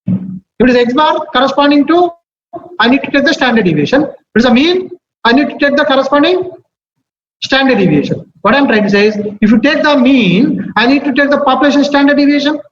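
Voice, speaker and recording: High-pitched man with a Telugu accent, teaching. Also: animated, a little fast, fairly bright tone. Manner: repeats himself, checks understanding with short questions. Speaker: statistics teacher. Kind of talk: interactive lecture. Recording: muffled, echoey, noisy room recording.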